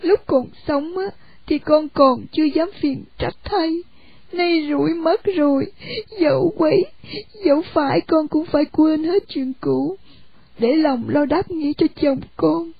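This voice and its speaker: A woman's voice: sits high, a little slow, vocal fry, no echo. A woman doing a grieving dutiful young wife. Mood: earnest. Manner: earnest, tearful and respectful. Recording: dull lo-fi, dry sound.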